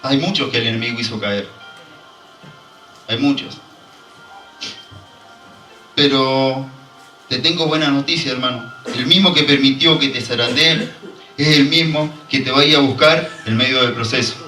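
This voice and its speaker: A man's voice: mid-range voice, moderate pace, long pauses, sharp tone, reverberant, far from the mic, soft background music, poor audio. A man preaching a fervent sermon and drawing call-and-response from the congregation. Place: church hall.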